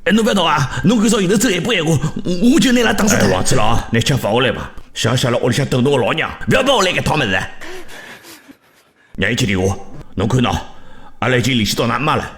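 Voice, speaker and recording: A man with a Shanghai accent playing flustered, exasperated men in a farcical comedy sketch, animated and exclamatory. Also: medium pitch, rapid-fire. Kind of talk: exaggerated comic sketch dubbing in Shanghai dialect.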